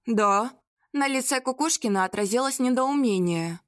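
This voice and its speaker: A woman reading a detective story aloud in an even, measured manner. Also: mid-range voice. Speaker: audiobook narrator. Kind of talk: scripted narration.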